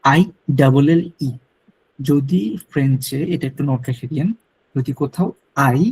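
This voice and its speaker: Husky guy teaching french class, patient, repeats drills over and over. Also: medium pitch, moderate pace, a little mellow, poor audio. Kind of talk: classroom lecture.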